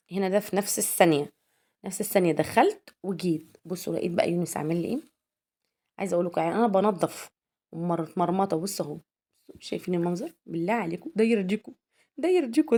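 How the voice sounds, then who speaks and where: Her voice is medium-pitched and dark as this young Egyptian-accented homemaker vlogger chats casually in a home vlog, speaking straight to viewers as girls and asking their opinion.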